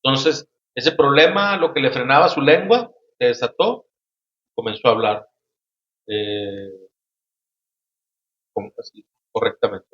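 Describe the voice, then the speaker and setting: A man hosting a casual Bible study discussion, speaking haltingly with many restarts and frequent tag questions. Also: mid-range voice, very animated, fairly bright tone. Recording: roomy, dull lo-fi sound.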